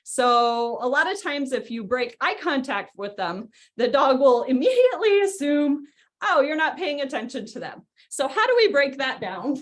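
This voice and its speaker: A woman's voice: sits high, sing-song, moderate pace. A young woman, a dog trainer, explaining stay exercises in a chatty way with frequent giggles, on a video call. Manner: chatty, giggly, gives short cues to a dog. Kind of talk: live online training demo.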